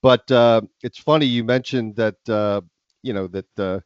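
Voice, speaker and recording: Speaking a little slowly in a clear, resonant mid-range voice, a middle-aged podcast co-host with a head cold chats in a rambling, casual way, full of ums and false starts. There's no echo, and the audio is dry and a bit dull.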